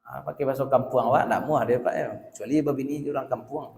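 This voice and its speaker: A man from West Sumatra with a Minangkabau accent gives a lively religious lecture to a live audience. He quizzes the listeners and slips into his local dialect for jokes. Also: medium pitch, quick pace, vocal fry, slight background noise. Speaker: religious teacher. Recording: long reverb of a large hall.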